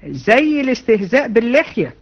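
A woman with an Egyptian Arabic accent giving a religion lesson to women, animated and colloquial, with many rhetorical questions. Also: fairly high pitch, fairly quick, breathy edge, dull audio. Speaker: religion teacher. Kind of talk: lecture to women students.

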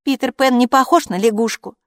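A woman voicing a skeptical, stern girl who talks briskly and matter-of-factly in an audiobook. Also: a little high, no echo, clean studio sound, pitched above the performer's own voice, lightly acted. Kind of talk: audiobook character voice.

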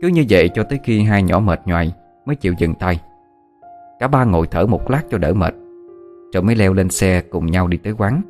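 A male narrator with a low voice, telling an audiobook story steadily. Soft music plays faintly behind him. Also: expressive, fairly quick. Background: faint background music.

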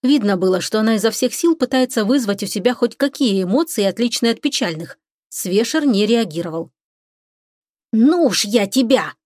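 A woman narrating an audiobook in a steady, expressive reading voice. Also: medium pitch, a little fast, dry recording, studio quality. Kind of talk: scripted narration.

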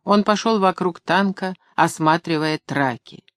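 A man reading a novel aloud in an even, measured storytelling voice. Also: sits high, no room sound, studio quality. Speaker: audiobook narrator. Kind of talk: scripted narration.

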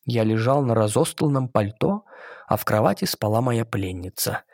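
A man's voice: mid-range voice, animated, moderate pace, darkish tone, dry recording, studio quality. A man narrating an audiobook of a humorous story, reading expressively and playfully with ironic asides.

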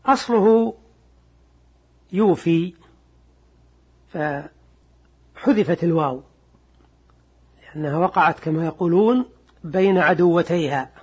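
An older man teaching a classical Arabic grammar lesson with a husky voice, measured and repeating key words, reading quoted text slowly. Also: a little high, darkish tone.

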